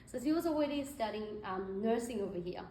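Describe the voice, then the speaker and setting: A woman's voice: medium pitch, expressive, brisk, mellow, slight background noise. A young woman from Nepal giving a conversational speech at an event, full of fillers. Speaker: guest speaker. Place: event hall. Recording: echoey hall from far off.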